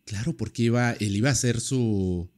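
A man casually telling a true-crime story on a podcast, lively and full of fillers. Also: medium pitch, moderate pace. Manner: animated, acts out quoted dialogue, many fillers.

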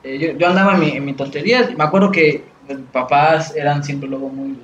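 Guy rambling through a faith story, highish voice, echoey room. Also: fairly even intonation, a little fast, slight background noise. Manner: rambling storytelling with many fillers and restarts. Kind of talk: casual chat, personal testimony. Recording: echoey room, dull sound.

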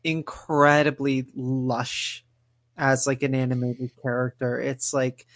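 A man on a podcast talking about a video game, halting and searching for the right words. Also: medium pitch, little pitch movement, a bit bright, no echo. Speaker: podcast co-host. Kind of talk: casual chat.

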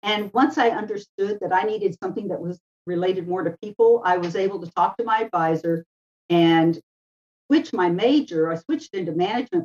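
Lower-pitched woman guest, slightly muffled. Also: darkish tone. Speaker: interview guest, education adviser. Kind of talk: conversational, anecdotal interview talk. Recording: slightly dull, lo-fi sound.

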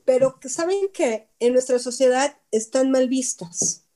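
A woman's voice: high-pitched, measured pace, warm tone. A woman giving an informal talk to a small group, chatty, often asking her listeners questions and repeating words for emphasis. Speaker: workshop speaker.

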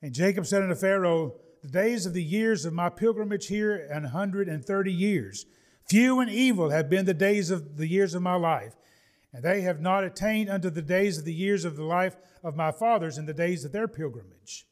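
A man preaching a sermon, reading scripture and telling folksy stories with slow, deliberate emphasis. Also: high voice.

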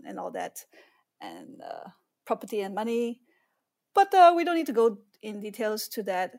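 A woman from Malaysia, a guest on a podcast, tells her story in a lively, candid way over an online call from home. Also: a little high. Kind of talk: conversational interview storytelling. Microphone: video call.

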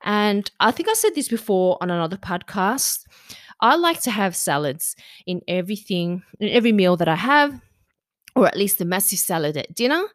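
A woman's voice: medium pitch, sing-song, moderate pace, dry recording, studio quality. A woman host giving casual diet and fitness advice in a conversational, instructive way, often posing questions and answering them herself. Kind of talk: casual advice monologue to listeners.

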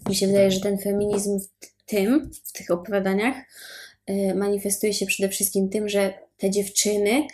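A woman's voice: mid-range voice, a little mellow. A woman in casual book discussion, giving emphatic opinions with fillers. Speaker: podcast co-host.

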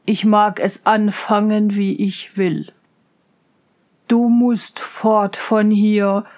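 A woman voicing a stern old male count who is quick to anger, speaking in a slow, lowered, solemn voice in a fairy tale reading. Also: little pitch movement, a little mellow.

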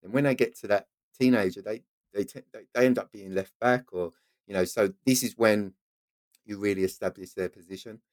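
A man's voice: on the low side, brisk, no room sound. A man with an Essex accent giving explanatory interview answers as a football scout and coach, emphatically repeating his key points.

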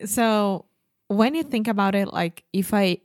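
Casting: Brazilian female podcast co-host, Portuguese native, careful halting English, unhurried, close dry sound. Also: mid-range voice, no room sound. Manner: careful, halting English with restarts and searching for words. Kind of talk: casual podcast chat.

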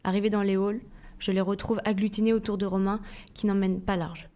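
A woman reading a first-person novel aloud in a plain, even storytelling voice. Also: mid-range voice, brisk. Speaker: audiobook reader.

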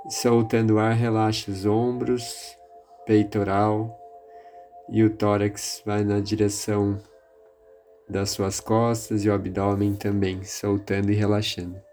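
A man with a Brazilian accent leading a guided meditation in a calm, soothing, measured manner. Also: on the low side. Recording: music behind the voice. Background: music.

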